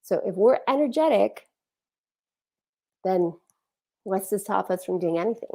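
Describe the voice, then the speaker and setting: A woman with a gravelly edge to her voice talks about healing in a relaxed, conversational way. She is animated and acts out the feelings she quotes. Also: mid-range voice, unhurried. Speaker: speaker.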